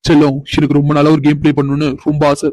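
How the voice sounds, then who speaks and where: A man's voice: on the high side, completely flat delivery, quick pace, darkish tone, no room sound, close to an everyday voice. A man voicing a teasing cartoon husband.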